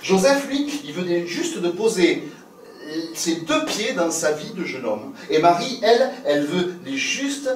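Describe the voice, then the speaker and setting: Storyteller on a distant stage. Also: male voice, high voice, unhurried, slight background noise. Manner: lively, playful, swings between loud and hushed. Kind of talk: theatrical storytelling for adults. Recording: roomy live recording from a distance.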